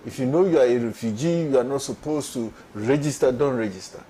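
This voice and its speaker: A Ghanaian man speaking as a politician guest on a studio panel, measured and earnest. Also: mid-range voice, dark tone, a little hiss or hum, low-quality recording.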